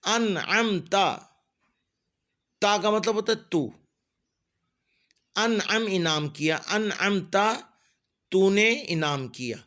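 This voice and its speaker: A middle-aged man teaching a Quran lesson, reciting each word slowly and drawn out, then explaining its meaning in a quick, plain way. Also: high voice, fairly bright tone.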